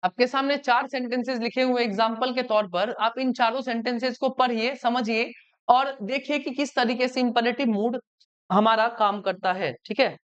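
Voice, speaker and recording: A man's voice: extremely high pitch, steady tone, moderate pace, fairly bright tone, clean tone, highs cut off. A male teacher giving an online grammar lesson, often asking his students questions to check they follow. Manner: keeps asking the class questions and checking understanding.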